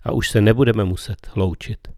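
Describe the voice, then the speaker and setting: A man gives a slow, meditative spiritual talk as a preacher. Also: fairly low pitch, dark tone, no echo, clean studio sound, faint music behind.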